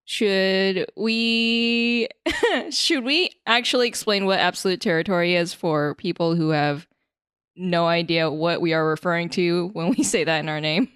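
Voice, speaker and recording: A woman's voice: fairly low pitch, slow, fairly bright tone, clear, resonant tone, dry recording, studio quality. A woman hosting a podcast in casual chat, laughing often. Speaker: podcast host.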